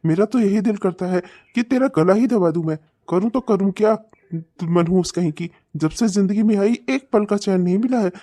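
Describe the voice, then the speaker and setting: In cartoon comedy voice acting, a voice actor plays an abusive, short-tempered husband and father. The voice is medium-pitched, at normal speed and close to everyday speech, angrily shouting insults, snarling and making threats.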